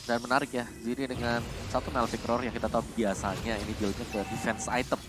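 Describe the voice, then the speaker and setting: An Indonesian man co-casting an esports match in a medium-pitched voice. He talks through the game in a casual, analytical way, with music playing behind him. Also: little pitch movement, quick pace.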